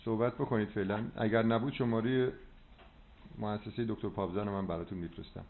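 A deep-voiced man speaks down a landline phone line, preachy and insistent as a doctor advising a caller. The line is thin and tinny. A faint hiss sits under his voice. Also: steady tone. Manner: preachy, insistent, rhetorical checks. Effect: heard over a landline phone line. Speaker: doctor giving phone advice. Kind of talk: phone consultation.

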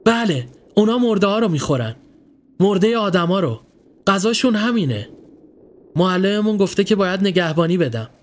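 A man's voice: sits high, very animated, pitched above the performer's own voice. A man voicing a stubborn nine-year-old boy standing guard, answering tersely and defensively. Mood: quiet, sad.

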